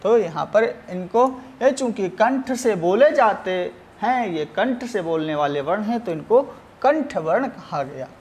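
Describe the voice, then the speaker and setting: A male Sanskrit teacher giving a recorded lesson, measured and explanatory, sounding out each letter. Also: high voice, expressive, a little mellow.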